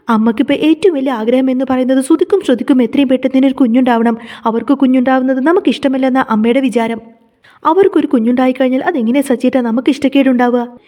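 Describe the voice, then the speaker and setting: A woman voicing a gentle, hurt young wife who pleads, in a fast retelling of a TV serial. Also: sits high, close to an everyday voice. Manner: pleading, tearful.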